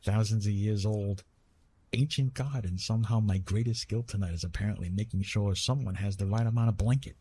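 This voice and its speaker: A man takes on the role of a retired immortal Greek god of love for an intimate ASMR piece, chatting soothingly and with gentle teasing to the listener. His somewhat low voice moves fairly quickly and has a breathy edge. He sounds amused and wry.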